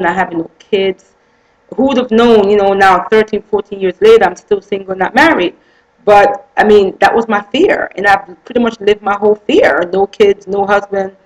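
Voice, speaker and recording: A woman's voice: mid-range voice, rough recording. A woman telling her own life story as an earnest, emotional testimony, repeating phrases for emphasis and running her sentences together. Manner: speaks in loose run-on sentences with many "I mean" and "you know". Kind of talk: personal testimony, casual spoken storytelling.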